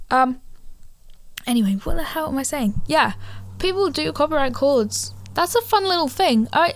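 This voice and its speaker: Here a teenage podcast host talks alone from her living room through a handheld studio mic, casual and rambling, catching and fixing her own words. Her high-sitting voice has a slight gravel to it from a cold.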